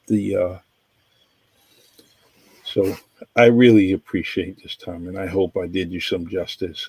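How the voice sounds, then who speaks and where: A man's voice: low voice, gravelly, a little mellow, slightly rough, no room sound, rough recording. A man hosting a podcast interview, chatting in a rambling, appreciative way, with a nagging cough. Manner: rambling, appreciative, many fillers. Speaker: podcast host. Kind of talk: casual interview chat.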